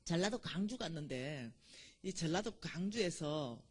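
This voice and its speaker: A woman lectures at a church, spinning chatty anecdotes. Her voice is husky and breathy. Her pitch rises and falls a lot as she jokes along. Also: animated, measured pace. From Gyeongsang Province, South Korea. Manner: chatty storytelling, laughs at her own jokes.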